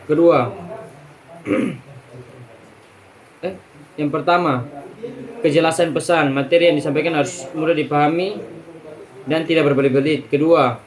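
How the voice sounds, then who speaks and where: A young man, a student, reading a class presentation in a steady, list-by-list way, now and then clearing his throat and restarting a word. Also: on the high side, unhurried, pauses often, rough recording.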